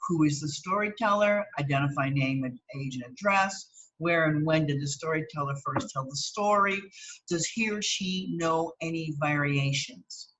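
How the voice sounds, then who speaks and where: Her voice is low-pitched and fairly bright, at a moderate pace, and the audio is poor. She reads an article as a teacher would, stopping for plain asides and making sure listeners keep up with tags like "okay" and "right."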